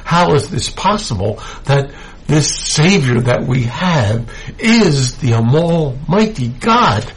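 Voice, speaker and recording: A man delivers a sermon at an unhurried pace. His voice sits slightly higher than most men's, and he drives home key words with rising fervor. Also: very animated, poor audio. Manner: slow, emphatic preaching with rising bursts of fervor. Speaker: preacher.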